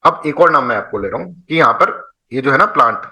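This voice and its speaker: A man's voice: mid-range voice, animated, fast, sharp tone, poor audio. A man with an Indian accent giving a classroom lecture, explaining with playful back-and-forth dialogue and frequent checks that students follow. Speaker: teacher.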